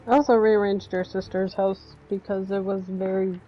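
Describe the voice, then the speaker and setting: A woman with a mid-range voice talks at a normal speed in a level tone, chatting casually and grumbling sarcastically as she plays a video game with her brother. She's a gaming streamer, and the stream audio is dull and lo-fi.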